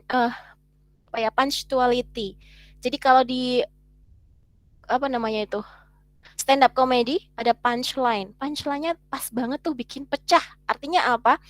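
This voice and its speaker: High-voiced lively woman teaching online. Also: no room sound. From Indonesia. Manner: lively, chatty, asks the audience questions. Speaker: webinar teacher.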